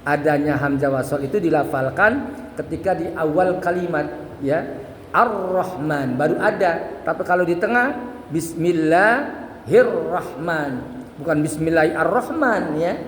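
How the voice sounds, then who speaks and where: A man's voice: fairly high pitch, slight background noise. Echoey man teaching Quran recitation. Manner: patient, repeats points with many "ya" tags, chants examples slowly. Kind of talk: tajwid lesson with sung demonstrations. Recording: echoey room with long reverb.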